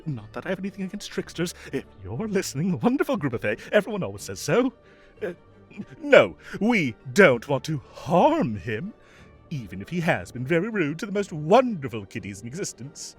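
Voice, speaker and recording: A medium-pitched man voices a whimsical fae king of summer in an audio roleplay. He's theatrical, playful and grand, putting on mock indignation and showing doting fondness for his cats.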